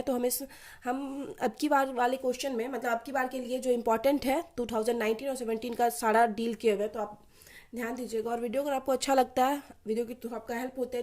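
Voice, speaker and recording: Woman explaining exam notes, slightly high. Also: a bit bright. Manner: explains slowly, repeating each point in simpler words; reads English definitions slowly, word by word. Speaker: literature tutor. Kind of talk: exam-prep lesson, mixing Hindi and English.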